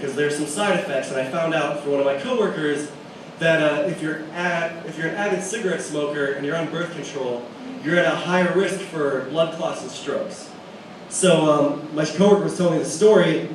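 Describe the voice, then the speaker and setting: A man's voice: on the high side, slight background noise. A young man doing a stand-up set in a comedy club, telling crude stories loosely with acted-out asides. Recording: echoey club from a far mic, audience laughter.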